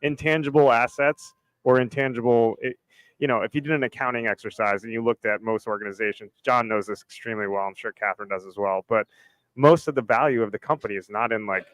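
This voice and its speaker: A man's voice: medium pitch, steady tone, fast, a bit bright, dry recording, rough recording. A man speaking on a casual panel discussion, loose and full of "like" and "right?". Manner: loose, filler-heavy, says "right?" and "like" often.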